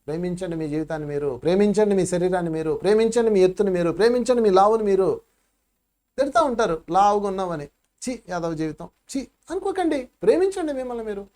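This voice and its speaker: Animated fifty-something meditation teacher. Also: male voice, sits high, quick pace. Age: 50s. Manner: animated storytelling with sharp swings in loudness. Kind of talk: spiritual talk.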